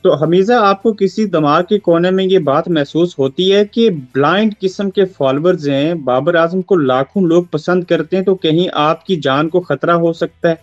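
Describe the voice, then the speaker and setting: A man with a Pakistani Urdu accent, asking probing, measured interview questions. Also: a little high, no echo, lo-fi sound, faint music behind.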